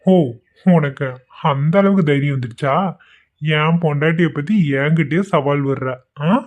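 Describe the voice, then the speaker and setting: A man's voice: on the high side, moderate pace, close to an everyday voice. Man voicing curt scornful young husband. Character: young married man, blunt defiant husband. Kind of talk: amateur cartoon voice acting. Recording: tinny phone-like lo-fi audio.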